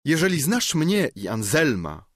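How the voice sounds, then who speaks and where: A man voicing an impassioned young noblewoman who feigns fury, with vehement, declamatory outbursts, raised above his own pitch. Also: big pitch swings, unhurried, a bit bright, no echo, studio quality. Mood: furious.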